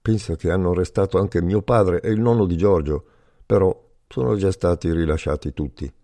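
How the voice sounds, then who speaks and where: A man's voice: deep voice, moderate pace, warm tone. A man voicing a young male prisoner, the narrator's friend, who talks frankly and teases a little. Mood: plain. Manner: light, teasing, frank.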